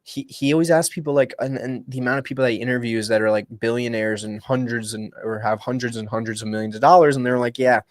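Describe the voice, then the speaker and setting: A young man hosting a livestream, talking casually and upbeat, rambling and restarting his sentences, at times dropping low and at times getting loud. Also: steady tone, fast, hardly any pauses, no echo, studio quality. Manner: rambling, upbeat, restarts often and shifts between hushed and loud. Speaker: livestream host. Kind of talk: casual motivational livestream talk.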